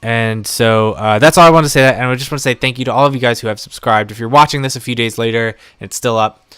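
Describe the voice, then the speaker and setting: A young adult man chatting casually and rambling on a live stream, talking warmly to his viewers. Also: mid-range voice, fast, clean tone, dry recording, studio quality.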